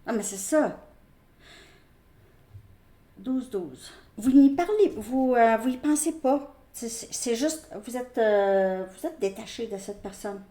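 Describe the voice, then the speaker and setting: A woman's voice: a little high, expressive, takes it slowly, warm tone, echoey room. A woman with a Québécois French accent giving a casual tarot reading. She talks to her viewers in a chatty way and repeats herself. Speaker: tarot reader.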